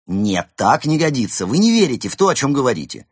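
A man voicing a cheerful, greedy male panda shopkeeper in a storybook reading, lively and wheedling with a husky tone. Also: mid-range voice, a little fast, no echo, studio quality, voice pushed up. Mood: coaxing, insistent.

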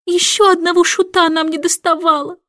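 A woman voicing a fussy, indignant storybook queen with shrill outbursts. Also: little pitch movement, a little fast, bright, forceful tone, no room sound, clean studio sound.

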